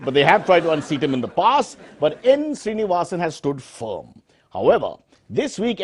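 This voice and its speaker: A man's voice: fairly high pitch, a little mellow. A man with an Indian accent hosting a satire show as a parody news anchor, mock-serious and exclamatory, with exasperated asides.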